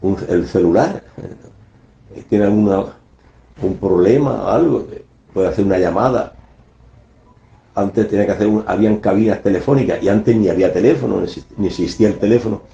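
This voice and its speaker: A man preaches an earnest, emphatic radio sermon in a low, mellow voice. He acts out the scripture quotes as he goes. The broadcast sounds dull and lo-fi, with a roomy echo. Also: fairly quick, creaky, pauses often. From Spain. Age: 70s.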